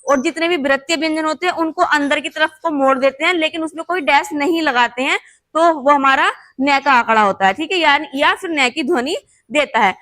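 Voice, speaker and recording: A woman with a high voice and a fairly bright tone speaks a little fast in a dry recording. She is teaching a shorthand class, writing on a board and patiently explaining each step. She repeats steps and checks in with the class, asking "thik hai."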